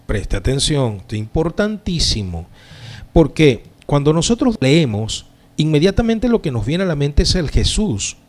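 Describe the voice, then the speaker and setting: Slow, emphatic male pastor preaching. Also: medium pitch, darkish tone. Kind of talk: sermon.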